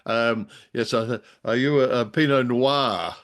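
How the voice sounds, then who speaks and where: A podcast co-host with a medium-pitched, slightly bright voice chats casually at a measured pace about radio drama. He comes across droll, wordy and hesitant.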